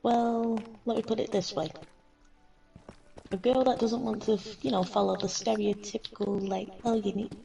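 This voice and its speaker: Gravelly woman on a distant voice-chat mic. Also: medium pitch, steady tone, normal speed, warm tone, soft background music. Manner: chatty, full of fillers. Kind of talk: casual chat while gaming.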